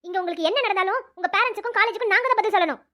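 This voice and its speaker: A stern middle-aged camp teacher in a cartoon, played by a woman scolds with authority. The voice is very high-pitched and rapid. She sounds firm and commanding. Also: pushed and bright. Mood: scolding. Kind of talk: cartoon voice acting.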